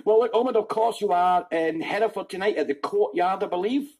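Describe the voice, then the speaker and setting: A Scottish man hosting a radio show, chatty and jokey with his guest. His voice is husky and sits at an ordinary male pitch. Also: fairly quick. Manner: jokey, chatty, warm sign-offs. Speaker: radio host. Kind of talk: casual radio chat.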